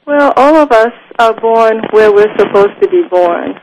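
A woman from Japan talks in a calm, very unhurried way. She pauses to think and fills the gaps with soft ums. A faint hiss sits under the recording. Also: a little high, poor audio. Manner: slow, thoughtful, often pauses with ums. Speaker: guest. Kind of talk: unhurried spoken interview.

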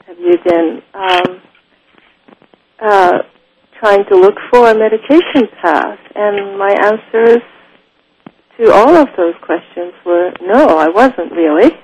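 Slow, thoughtful woman from Japan. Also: mid-range voice, darkish tone, poor audio. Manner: slow, thoughtful, often pauses with ums. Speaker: guest. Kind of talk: unhurried spoken interview.

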